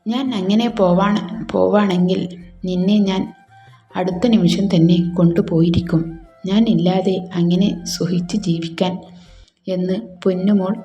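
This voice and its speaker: A possessive young husband in a romance story teases his new wife in a mellow, playful voice, as a woman reads him. The room echoes around the voice. Faint music plays underneath. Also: on the low side, steady tone, measured pace, dull audio. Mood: tender. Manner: teasing, playful. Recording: roomy echo, faint music.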